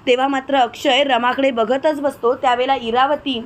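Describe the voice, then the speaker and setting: Female narrator for a serial recap; high pitch, steady and plain. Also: moderate pace, poor audio.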